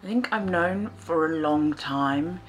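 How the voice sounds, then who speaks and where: A woman, talking to camera in a soft-spoken, reflective way while knitting in a small living room. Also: deep voice, takes it slowly, faint music behind. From England. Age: 20s. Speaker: fibre artist and vlogger.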